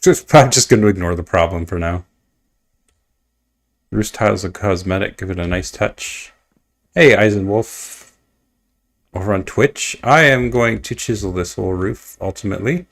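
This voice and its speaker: Brief: male streamer, lowish gravelly voice, rambling self-mocking gameplay chat. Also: normal speed, long pauses. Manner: rambling, self-mocking, mutters asides to himself. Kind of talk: casual gameplay commentary. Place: at home at his computer.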